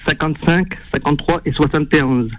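Jovial fast-talking man with a Marseille accent. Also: on the high side, poor audio. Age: 50s. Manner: jovial, joking. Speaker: radio show caller. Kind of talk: casual chat.

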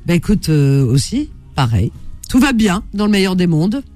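A woman's voice: lowish voice, sing-song, normal speed, darkish tone, faint music behind. A woman hosting a late-night radio call-in show, chatty and full of fillers. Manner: chatty, filler-heavy, lots of hein and euh.

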